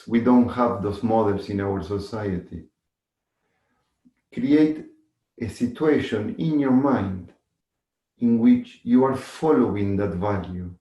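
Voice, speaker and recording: Slow, low-voiced man guiding a meditation. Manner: measured, instructive, with long pauses and gentle repetition. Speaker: meditation teacher. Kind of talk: guided meditation. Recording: echoey room.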